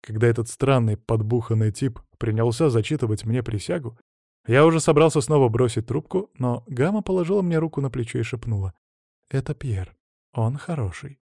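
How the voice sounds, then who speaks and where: A man reads a first-person adventure audiobook in a steady, wry tone at medium pitch. The voice is close and dry, with no room sound. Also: a little fast, creaky, no room sound. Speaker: audiobook narrator.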